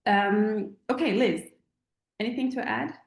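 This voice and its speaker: A woman's voice: medium pitch, a little slow, vocal fry, reverberant. A woman from Serbia, about forty, hosting a live online Q&A as a feng shui teacher, rambling with many fillers and restarts. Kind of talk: live online call, casual talk.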